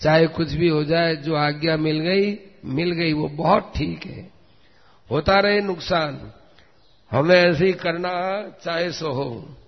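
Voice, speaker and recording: High-voiced preacher man in an echoing hall. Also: slow pace. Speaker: religious preacher. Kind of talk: devotional discourse with a story. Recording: dull lo-fi recording in a long-reverb hall.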